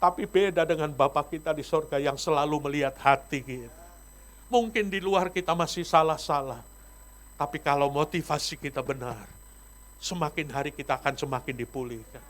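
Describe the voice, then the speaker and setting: A male pastor preaching a sermon, acting out the voices of the people in his story with big swings in pitch. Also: normal speed, a bit bright.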